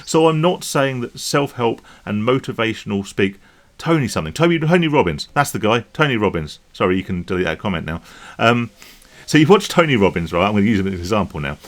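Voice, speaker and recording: A man's voice: lowish voice, big pitch swings, quick pace. A man talking casually to camera about recovering from gambling, rambling and checking in with the viewer. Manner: rambling, conversational, checks in with "right?" and "okay?". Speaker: YouTube vlogger on gambling recovery.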